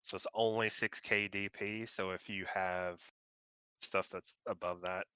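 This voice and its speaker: A man's voice: deep voice, steady tone, measured pace, sharp tone, clear, resonant tone, no echo, rough recording. A man co-hosting a podcast, explaining card game rules in casual chat. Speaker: podcast co-host.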